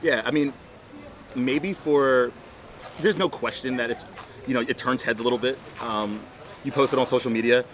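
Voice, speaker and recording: A man's voice: medium pitch, moderate pace, pauses often. Emphatic young man chatting casually. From Florida, United States. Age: 20s. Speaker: boyfriend in couples Q&A vlog. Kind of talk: casual couples chat.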